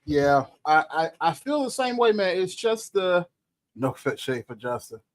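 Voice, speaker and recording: A man co-hosts a podcast, discussing sports casually in a thoughtful, hedging way with frequent ums. His voice is on the high side with big pitch swings, and he speaks a little slowly.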